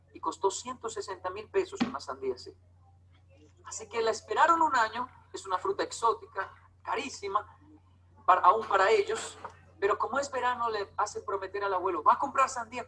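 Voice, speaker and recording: A man's voice: high voice, a little hiss or hum, poor audio. A man from Bogotá with a Bogotá Colombian accent, telling stories in a talk with irony and acting out the people in them. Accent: Bogotá Colombian Spanish. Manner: animated, ironic storyteller acting out dialogue. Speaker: speaker giving a talk. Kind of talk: storytelling talk to an audience.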